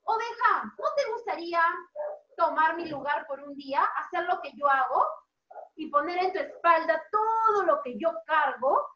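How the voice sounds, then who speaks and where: A woman voicing a patient, hardworking male donkey in a children's story, read gently. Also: very high voice, expressive, moderate pace, exaggerated voice. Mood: gentle. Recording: roomy, distant, dull sound.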